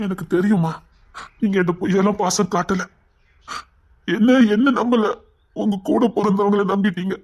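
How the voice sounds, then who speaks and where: Anguished young son, tearful and guilt-ridden, high voice for a man. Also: steady tone, normal speed, long pauses, darkish tone. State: crying. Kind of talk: TV serial acting.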